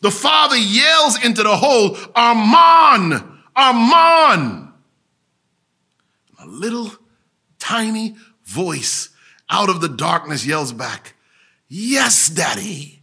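A man preaching a sermon, telling a story dramatically, swinging from loud to hushed. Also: high-pitched, lively intonation, measured pace, vocal fry, breathy edge.

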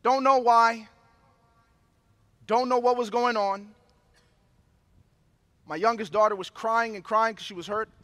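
A man's voice: very high voice, steady tone, a little slow, pauses often, bright, forceful tone, dry recording. A man preaching a sermon, a father who mixes impassioned preaching with personal stories. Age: adult father of young children. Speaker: pastor.

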